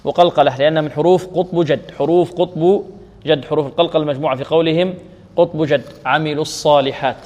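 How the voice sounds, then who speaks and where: A man teaching Quran recitation. He asks questions and answers them himself, drills syllables slowly and chants the verses he uses as examples. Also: a little high, steady tone, a little mellow. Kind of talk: tajweed lesson with drills. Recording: recording with long reverb.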